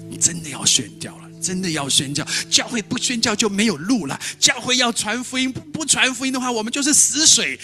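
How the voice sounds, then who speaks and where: A man preaches a story-filled sermon at a rapid clip. He repeats words and acts out the dialogue, in a bright, forceful voice that sits a little high. Soft music plays faintly behind him. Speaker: pastor.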